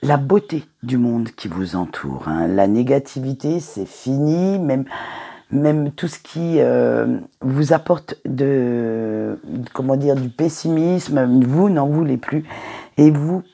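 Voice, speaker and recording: A woman giving a weekly oracle card reading to her viewers, talking in a gentle, encouraging way with hesitant fillers. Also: rumbling low, slow pace, creaky, breathy edge. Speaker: tarot card reader.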